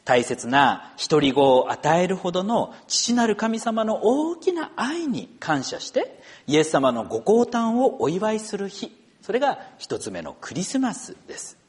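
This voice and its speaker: Man, pastor, middle-aged, sermon voice, swooping pitch. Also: a little slow. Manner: gentle formal prayer, then lively storytelling sermon. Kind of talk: church prayer and sermon.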